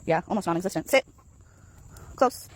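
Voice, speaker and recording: A woman dog trainer walking a dog in an outdoor park, explaining calmly and praising the dog in high sing-song bursts. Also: moderate pace. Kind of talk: casual vlog narration while training a dog. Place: outdoor park path near geese.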